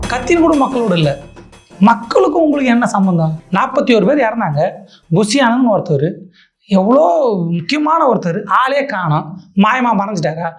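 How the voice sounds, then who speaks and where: A woman giving a sarcastic political roast commentary, mocking her targets with a stream of rhetorical questions. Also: mid-range voice.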